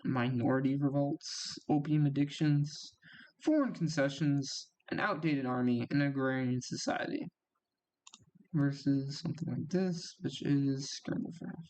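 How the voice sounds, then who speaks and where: A man's voice: medium pitch, a little slow, darkish tone. A man casually commenting as he plays a strategy game, reacting aloud with small gasps and laughs as things happen. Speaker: gaming YouTuber.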